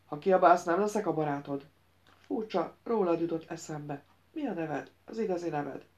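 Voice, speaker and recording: A woman voicing a gentle, stubborn young woman in an audiobook, speaking in an earnest, pleading way. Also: lowish voice, lightly acted.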